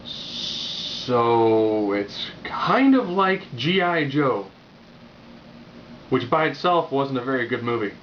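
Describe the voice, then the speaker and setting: A man with a mid-pitched, fairly bright voice gives an off-the-cuff movie review, casual and opinionated, in a wry, slightly rambling, sing-song way at a slow pace. The audio is muffled and lo-fi, with faint background noise.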